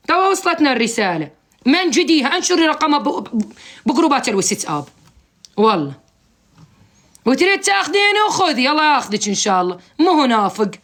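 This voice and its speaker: A woman hosts a live stream, handing out blunt, teasing advice. She talks very fast in a fairly high voice. Her sound is that of a phone mic. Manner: teasing, blunt, joking scolding.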